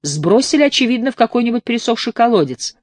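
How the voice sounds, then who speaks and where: A woman reading the part of a nervous young man who answers a dark tale with quiet skepticism. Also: fairly high pitch, big pitch swings, fast, dry recording, clean studio sound, pitched above the performer's own voice. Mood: speculating.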